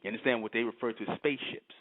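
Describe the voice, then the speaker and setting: A man's voice: mid-range voice, fairly even intonation, rapid-fire. A man giving an impassioned spiritual monologue, working himself up and repeating "you understand?". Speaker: channel host giving a spiritual talk. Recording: tinny phone-like audio.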